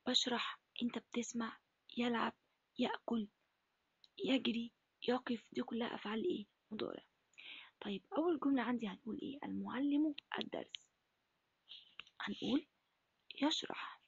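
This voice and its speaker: A woman teaching Arabic to first graders in an Egyptian accent, asking questions and answering them herself in a breathy, half-whispered voice. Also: on the high side, moderate pace, pauses often, dry recording, lo-fi sound. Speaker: primary school Arabic teacher. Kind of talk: recorded lesson for first graders.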